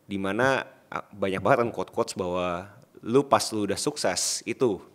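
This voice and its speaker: A man's voice: on the low side, normal speed. A man co-hosting a podcast, talking casually in slang and putting probing questions to his partner. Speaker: podcast co-host.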